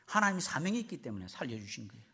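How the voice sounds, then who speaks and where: A man, a missionary, preaching a sermon and telling stories with lively delivery. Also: mid-range voice, very fast, vocal fry, breathy edge. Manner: lively storytelling, acts out voices.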